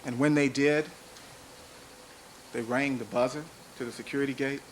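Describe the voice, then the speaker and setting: Prosecutor, male, mid-range voice; slow, deliberate jury address with repeated phrases, in a hissy old courtroom recording. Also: mid-range voice, steady tone. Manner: measured, deliberate, emphatic repetition. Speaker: trial prosecutor. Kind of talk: courtroom opening statement. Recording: noisy archival courtroom audio.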